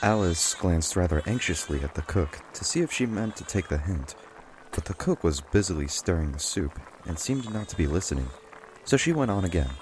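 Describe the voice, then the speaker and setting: A man's voice: deep voice, lively intonation, normal speed, a little mellow, a little hiss or hum, low-quality recording. A man reading scripted audiobook narration of a children's story.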